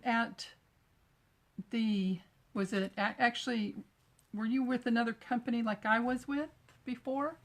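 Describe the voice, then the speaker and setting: With a creaky, mid-range voice, a middle-aged Texan woman chats and says hello to viewers on a live stream. She's busy with her hands the whole time, demonstrating a craft project.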